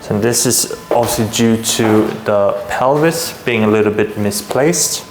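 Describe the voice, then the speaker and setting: A man's voice: on the low side, unhurried. A man working as a chiropractor, explaining and giving instructions, switching between English and Chinese. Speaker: chiropractor and presenter. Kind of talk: explaining and instructing during a treatment. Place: indoor chiropractic clinic. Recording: echoey, noisy clinic room.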